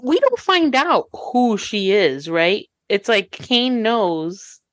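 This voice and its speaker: Playful woman with a lively voice. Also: a little high, slow, no echo, studio quality. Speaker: book discussion co-host. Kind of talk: casual book club chat.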